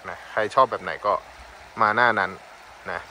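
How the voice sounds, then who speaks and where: A man's voice: lowish voice, normal speed, poor audio. A man giving casual, chatty travel commentary outdoors by a mountain river, thinking aloud as he walks and tastes food. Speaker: travel vlogger. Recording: loud outdoor background noise.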